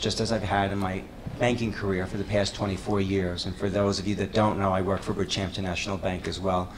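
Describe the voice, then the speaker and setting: A man with a low, flat voice and a New York accent speaks in an earnest, measured way. A faint room hum sits under his opening statement. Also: low-quality recording. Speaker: town councilman and candidate. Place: public meeting hall.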